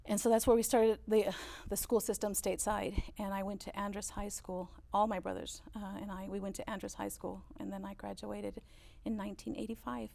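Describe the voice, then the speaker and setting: A gravelly-voiced woman in her fifties, German by first language and a business owner, is the guest in a relaxed, unhurried interview about her family's past. Speaking at a middle pitch, she warms up with each story and leans often on "uh" fillers.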